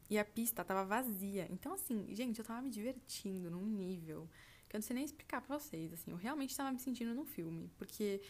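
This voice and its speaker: A woman's voice: medium pitch, a little mellow. A woman of about twenty, from Brazil, chatting casually on her podcast and telling listeners about her trip, full of fillers. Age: turning 20. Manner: chatty, lots of fillers like "tipo assim", addresses listeners as "gente". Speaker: podcast host.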